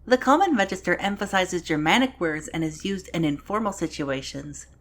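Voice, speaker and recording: A woman narrates a scripted showcase in a voice that leaps all over her range. Her delivery is deadpan and sarcastic, and it breaks now and then into mock-dramatic outbursts. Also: lowish voice.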